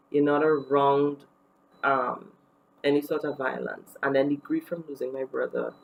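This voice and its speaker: A woman's voice: extremely low pitch, gravelly, a little hiss or hum, rough recording. A woman from Trinidad and Tobago with a Trinidadian accent, chatting candidly in a casual get-to-know-me beauty vlog. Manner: chatty and candid, with many fillers. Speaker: beauty vlogger.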